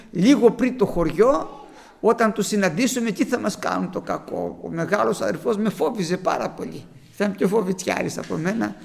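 A man's voice: high voice, creaky. A man preaching a testimony sermon to his congregation, telling a childhood story with fervent, rising emphasis.

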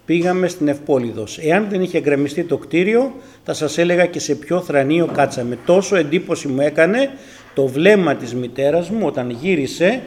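An older man from Greece stands before his congregation and tells his own testimony. He speaks earnestly and emphatically, and his loudness swells and drops as he tells it. His voice sits a little higher than most men's. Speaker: church member giving testimony.

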